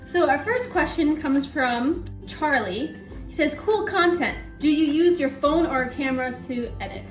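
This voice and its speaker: A woman's voice: high voice, lively intonation, normal speed, echoey room, faint music behind. A woman hosting a casual chat at home, cheerfully answering viewer questions and often giggling between remarks. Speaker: host. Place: room at home.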